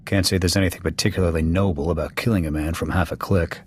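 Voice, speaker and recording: An actor with an American accent voices a gruff, proud alien military officer in a video game, a soldier serving as second to his commander, with blunt, clipped military delivery. His low male voice is steady, fast and natural, matter-of-fact and resolute, with a little hiss or hum and background music beneath the dialogue.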